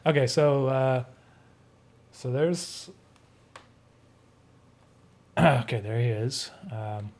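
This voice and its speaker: A man's voice: medium pitch, very slow, pauses often. Guy animating on stream, laid back, trails off while he works. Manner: relaxed, thinking aloud, trailing off.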